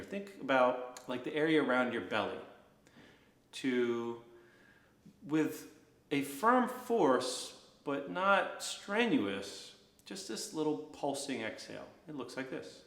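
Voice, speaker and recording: A man's voice: mid-range voice, expressive, measured pace. Roomy-sounding man guiding a breathing practice. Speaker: breathwork instructor. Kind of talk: guided breathing lesson.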